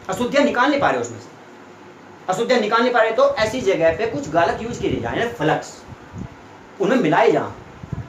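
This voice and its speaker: A man's voice: high voice, a little hiss or hum. Young male tutor in an echoey classroom. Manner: repetitive, keeps checking students follow. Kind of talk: classroom lesson explaining chemistry. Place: small classroom with students. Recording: echoey room.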